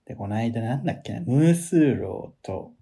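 A man co-hosting a podcast, chatting casually, with soft, feminine sentence endings and frequent laughter. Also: medium pitch, lively intonation, fairly quick, vocal fry. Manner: laughs often while telling a story. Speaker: podcast co-host. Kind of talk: casual chat.

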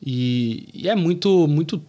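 A man discussing a serious topic in a deliberate way, pausing and restarting with fillers. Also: a little high, expressive, mellow.

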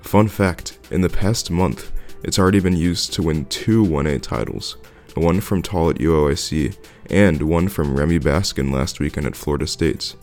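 A man hosting a podcast, reading scripted sponsor announcements in a steady, informative way. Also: rumbling low, normal speed, faint music behind. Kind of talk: scripted ad read.

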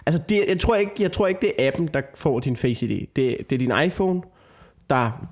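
Chatty man spinning rambling anecdotes. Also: on the high side. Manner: rambling storyteller, lots of "ikke?" tags; laughs often, gets loud and excited. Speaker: podcast co-host. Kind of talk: casual chat.

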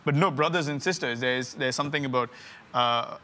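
A man who grew up abroad, asking questions and commenting in a reflective church panel discussion in a quick, direct way. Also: mid-range voice, pushed and bright. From grew up in another country.

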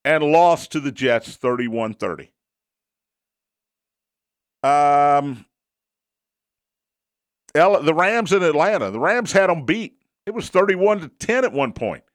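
A man's voice: a little high, expressive, slow pace, pauses often, dry recording, studio quality. A man hosting a solo sports radio show, delivering monologue and sponsor reads emphatically, repeating short phrases for punch. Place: radio studio.

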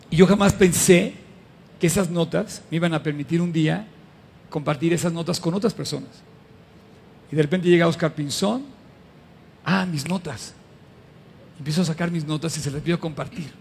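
A middle-aged man preaching a lively sermon to a live congregation, asking the crowd questions as he goes. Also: on the high side, brisk, creaky, long pauses, big-room sound, slight background noise. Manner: animated and conversational, addresses the audience with questions. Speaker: pastor.

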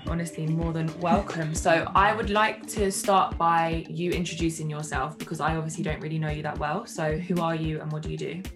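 A woman hosts a podcast, introducing the episode and putting friendly, conversational questions to her guest. Her voice is on the low side. Music plays clearly beneath her. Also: little pitch movement, brisk, few pauses. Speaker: podcast host. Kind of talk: podcast interviewing. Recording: podcast with music playing behind.

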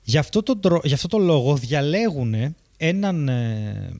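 Ζωηρός Έλληνας άντρας σε podcast. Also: male voice, fairly high pitch, no room sound. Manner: animated, playful, drops English phrases. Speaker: podcast co-host. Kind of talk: casual chat.

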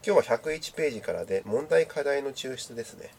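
A man's voice: mid-range voice, animated, quick pace, gravelly, a little mellow. A man hosting a reading group, talking casually and reading aloud, his voice nasal and stuffy from a cold. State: has a cold. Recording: faint background noise.

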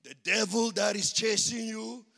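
A man preaching a sermon as a pastor, slow and drawn out, rising into loud shouting and short of breath. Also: high-pitched, steady tone, vocal fry, soft background music. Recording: long hall reverb.

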